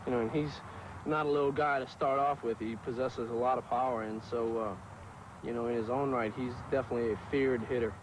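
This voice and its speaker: A man's voice: mid-range voice, steady tone, fairly quick, background noise. A man, a professional baseball hitter, answering interview questions casually with frequent fillers. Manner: casual, "you know" fillers.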